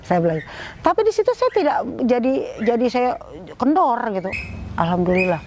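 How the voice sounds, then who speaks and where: A middle-aged woman giving an emotional personal testimony in an interview, her voice rising high when she is moved. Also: sing-song, moderate pace, a little mellow, dull audio.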